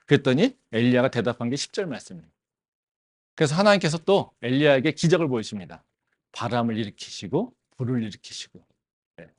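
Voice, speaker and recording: A man's voice: medium pitch, fairly quick. A man preaching a sermon as pastor of a campus church, talking animatedly and asking the congregation rhetorical questions. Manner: animated, with rhetorical questions and frequent affirming interjections.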